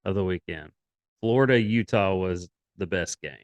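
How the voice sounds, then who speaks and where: A man's voice: sits low, moderate pace, no room sound, highs cut off. A young man co-hosting a sports podcast, chatting casually and rambling through his takes. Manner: rambling, animated, quotes others in put-on voices.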